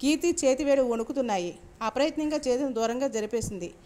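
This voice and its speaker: High-voiced woman storyteller. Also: quick pace, mellow. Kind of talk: reading a serialized novel aloud.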